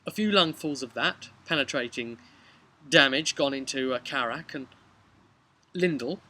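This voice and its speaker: A young British man sits on a bench outside beside a brick house, casually recounting a tabletop game session he ran as game master in a vlog. His mid-range voice has a sharp tone, and he chats conversationally with emphatic pauses and tag questions over noisy traffic.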